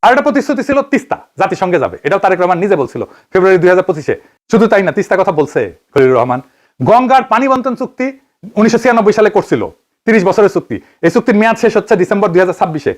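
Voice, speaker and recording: A man with a Bangladeshi Bengali accent delivers an investigative political monologue, asking pointed rhetorical questions and answering them himself. His voice sits high for a man, and he talks at a rapid clip. His pitch rises and falls in wide, lively swings. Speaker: political commentator.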